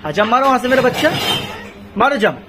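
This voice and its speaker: A man's voice: very high voice, expressive, brisk. A young man chatting casually in a family vlog, playfully teasing his baby son. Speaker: family vlogger. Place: small home during rain. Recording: noisy phone recording.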